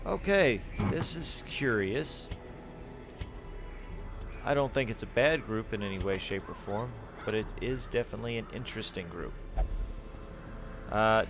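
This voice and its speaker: A man giving casual gameplay commentary, reading item text aloud and thinking out loud as he sorts his party. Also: fairly low pitch, vocal fry. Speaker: gaming channel host.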